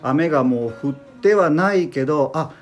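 A man with a Tosa accent co-hosts a podcast in unhurried, casual talk. His pitch moves around a lot, and he searches for words with plenty of fillers. Soft guitar music plays faintly behind him. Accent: Tosa dialect. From Kochi, Japan. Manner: relaxed, halting, many fillers, explains words. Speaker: podcast co-host. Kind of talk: casual conversational chat.

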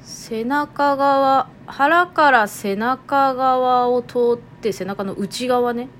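Speaking extremely slowly in a high, slightly bright voice, a Toyama-born woman with a Toyama Japanese accent hosts her own internet radio show. She muses casually on her own and seems amused at herself, with a bit of background noise.

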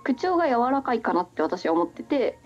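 A woman's voice: fairly high pitch, big pitch swings, a little fast, dull audio, faint music behind. A woman hosting a casual chat. She giggles a lot and teases her guest playfully. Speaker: podcast host.

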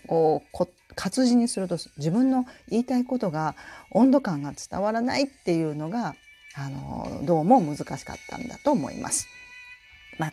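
A Japanese woman from Tokushima with a mixed Tokushima and Kansai accent, hosting her own radio talk in a chatty, laughing manner. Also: lowish voice. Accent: Tokushima and Kansai mix. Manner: chatty, animated, laughs often. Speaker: podcast host and color school head. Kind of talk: casual solo radio talk.

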